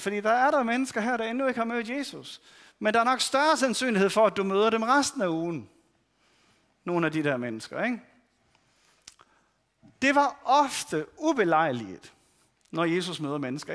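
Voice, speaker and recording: A man's voice: high-pitched, a bit bright. A man giving a sermon, telling the stories in a conversational way and voicing the people in them. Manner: conversational storytelling with quoted voices. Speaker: preacher.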